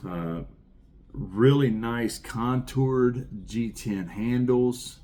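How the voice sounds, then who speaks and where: With a warm, mid-range voice and drawn-out words, a middle-aged rural Southern man enthusiastically walks through his knife collection over a little hiss or hum. His show-and-tell is casual and rambling, and he repeats words often.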